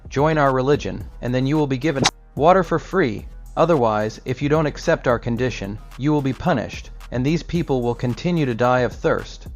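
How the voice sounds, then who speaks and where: A man's voice: mid-range voice, fairly quick, few pauses, close to an everyday voice. A man voicing a stern old man from the hostile group, cold and demanding. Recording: slightly dull recording with soft music.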